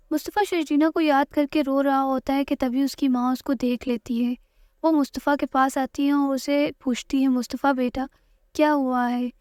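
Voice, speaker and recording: A woman narrating a TV drama recap in a steady storytelling read from a script, addressing viewers directly. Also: sits high, no echo, clean studio sound.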